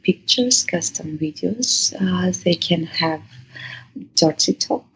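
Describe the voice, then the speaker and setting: A woman with a Russian accent and a husky, gravelly voice, chatting casually as an interview guest. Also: fairly low pitch, animated, slow pace, a little hiss or hum, low-quality recording. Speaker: interview guest, adult content creator.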